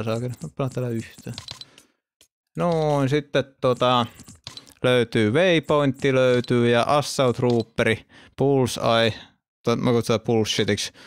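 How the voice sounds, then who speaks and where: A man in a casual gaming video, going through his collection of skins in an offhand way with quick asides. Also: mid-range voice, clear, resonant tone. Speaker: gamer showing his skin collection.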